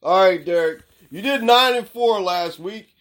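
A man co-hosting a casual sports podcast, animated and quick to laugh. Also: high voice, noisy background. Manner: laughs often, animated and teasing. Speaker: podcast co-host.

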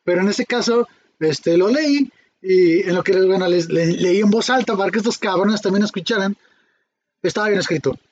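A man's voice: high-pitched, moderate pace, muffled recording. A young man with a Mexican Spanish accent, chatting casually and laughing often with lots of slang. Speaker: podcast co-host. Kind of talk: casual chat.

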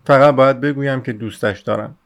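A man with a steady, natural mid-range voice reads an audiobook, voicing Razumikhin, a lively, talkative young male student. He gives the character an eager, chatty tone.

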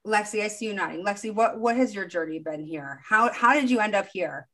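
A woman's voice: mid-range voice, a little fast, pushed and bright. Woman in her 40s hosting a podcast, upbeat and encouraging, chatty spiritual talk. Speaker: podcast host. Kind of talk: casual spiritual coaching talk.

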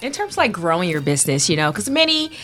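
Woman, slightly low pitch, interview guest, casual, explanatory, conversational. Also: big pitch swings, quick pace, a bit bright, faint music behind. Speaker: guest, entrepreneur.

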